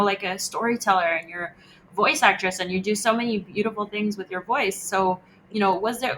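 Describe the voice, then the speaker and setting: Bright-voiced woman podcast host. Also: mid-range voice, a little hiss or hum, poor audio. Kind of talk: casual podcast interview.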